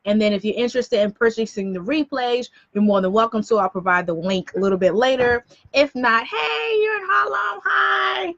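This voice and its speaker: A woman in her thirties from New York City, a business coach chatting on a live stream in a quick, sassy way full of slang asides. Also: mid-range voice, no echo, muffled recording. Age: 30s. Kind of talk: casual live-stream talk.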